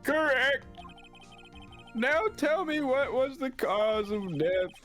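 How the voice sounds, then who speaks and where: A woman reading the part of a stately old male judge, questioning the court in a deliberate way. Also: high-pitched, expressive, a bit bright, faint music behind, full character voice. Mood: measured.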